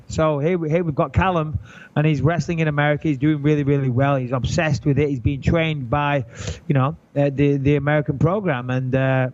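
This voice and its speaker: A middle-aged Englishman from England hosts a podcast in a casual, joking manner, swearing and restarting sentences. His voice is a little high and darkish, captured in dull lo-fi audio.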